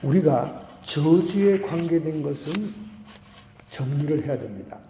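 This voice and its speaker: A middle-aged male pastor preaching a sermon, telling a story and acting out the people in it with animated voices. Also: on the high side, a little slow, a little hiss or hum. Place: church sanctuary. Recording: echoey hall reverb.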